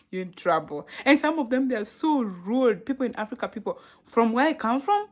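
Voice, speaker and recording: A young Kenyan woman talks straight to her viewers in a casual vlog. Her Kenyan accent is clear, and she keeps the delivery animated, exclaiming and laughing as she chats. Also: fairly high pitch, moderate pace. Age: young adult. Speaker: vlogger. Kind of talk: casual vlog talk to camera.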